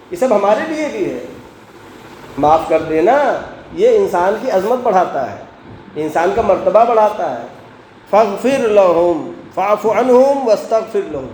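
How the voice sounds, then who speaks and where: A Friday sermon in an echoey mosque hall, with faint background noise, is delivered by a man whose high voice is a little mellow. He asks the congregation questions, answers them himself, and recites Quranic verses.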